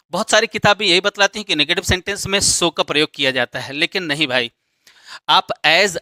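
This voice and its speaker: A man's voice: a little high, bright, forceful tone, no room sound. A man teaching an English grammar lesson, explaining step by step and posing questions that he answers himself.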